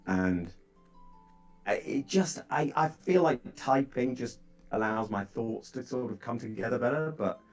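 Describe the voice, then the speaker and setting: A man in casual chat about his developer tools, animated and full of fillers and restarts, heard through a laptop microphone. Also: mid-range voice, a little slow, faint music behind. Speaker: software developer chatting on a call.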